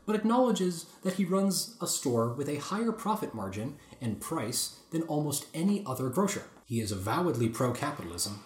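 Lively man reading aloud in an echoey room. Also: mid-range voice. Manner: lively reading with asides and swearing. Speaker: podcast host. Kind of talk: casual chat, reading an article aloud.

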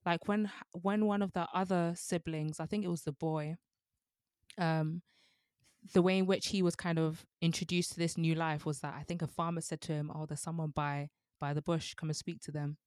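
Young woman, lower voice, dry close sound, chatty with fillers. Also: steady tone, normal speed, darkish tone, no room sound. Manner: chatty, laughs often, many fillers. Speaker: book club podcast co-host. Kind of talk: casual book discussion.

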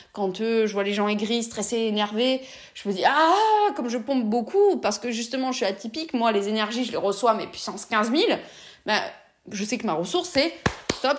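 Woman from France, fairly high voice, earnest, impassioned, reflective monologue, direct address. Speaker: vlogger speaking about neurodiversity.

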